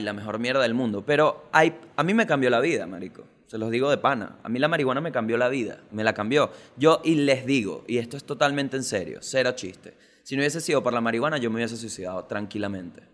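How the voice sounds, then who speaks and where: A man's voice: mid-range voice, fast, few pauses. Slangy Venezuelan man, comic podcast rant. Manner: slangy, animated, swings between loud bursts and mutters. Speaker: podcast host, stand-up comedian. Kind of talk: casual comic monologue.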